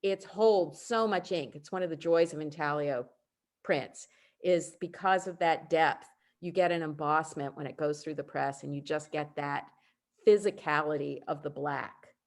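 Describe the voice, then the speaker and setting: A woman's voice: low-pitched, steady tone, moderate pace. Enthusiastic woman presenting a virtual talk. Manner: warm, enthusiastic explaining; informal asides and self-corrections. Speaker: printmaker presenting artists' work. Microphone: video call.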